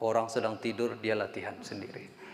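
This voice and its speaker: A man's voice: fairly low pitch, flat delivery, brisk, gravelly, slight background noise. A man teaching Quran letter pronunciation in a live class, drilling sounds aloud and joking with his students. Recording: echoey room, crowd behind. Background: students in the room.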